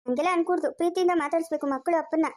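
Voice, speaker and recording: Cartoon aunt, woman voices, consoling, very high-pitched. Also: racing. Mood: coaxing. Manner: consoling, scolding gently. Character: soothing older village woman, the child's aunt. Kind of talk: cartoon voice acting.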